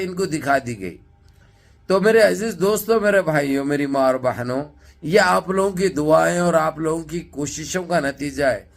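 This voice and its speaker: A man's voice: high voice, creaky. A man giving impassioned, mocking political commentary to his viewers. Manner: fiery and mocking, addresses viewers as friends and brothers. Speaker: online news commentator.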